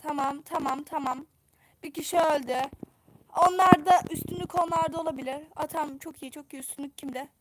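Young woman, high voice, excitable game streamer, repeats herself, noisy stream audio. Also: fairly quick. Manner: excitable, repeats phrases over and over. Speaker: live streamer. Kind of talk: live gameplay commentary.

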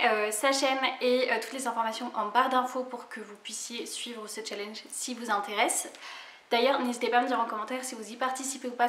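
A woman's voice: a little high, fairly bright tone, roomy sound. A woman in her twenties chatting casually about her books as a vlogger, hesitant with many fillers and laughing at herself. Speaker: book vlogger. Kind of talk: casual book haul chat.

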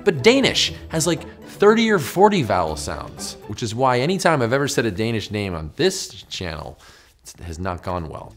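Animated American man hosting a science explainer. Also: mid-range voice. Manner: animated, emphatic, demonstrating mouth sounds. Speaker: host of an educational science show. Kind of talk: scripted explainer to camera, conversational. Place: small furnished indoor studio with bookshelf.

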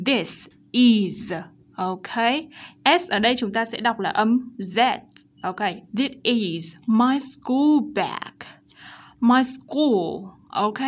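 A woman with a Vietnamese accent leads a pronunciation lesson with a fairly high voice. She reads model sentences slowly and deliberately. The recording sounds dull and lo-fi. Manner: slow, exaggerated reading of model sentences. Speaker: English teacher.

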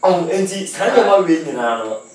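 A man's voice: high-pitched, animated, moderate pace, a little mellow, a little hiss or hum. A man with a Ghanaian accent discussing sport on a radio show, explaining his view at length and listing examples as he goes. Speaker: radio sports talk co-host. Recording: echoey, distant mic.

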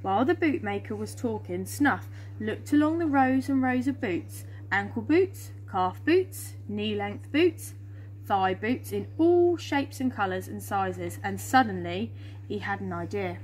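A storyteller in her thirties with an English accent reads a children's picture book to schoolchildren in a medium-pitched, slightly mellow voice, a little slowly but with lively intonation. The rough outdoor phone recording, made in a small fenced garden from a short distance away, carries background hum.

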